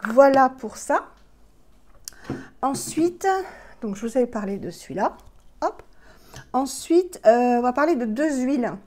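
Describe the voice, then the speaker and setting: A middle-aged woman with a warm, mellow voice talks through skincare products for her vlog. She is slightly out of breath and speaks in a chatty, unhurried way, full of little fillers and restarts. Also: fairly high pitch. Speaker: beauty vlogger. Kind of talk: casual product review. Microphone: plugged-in microphone.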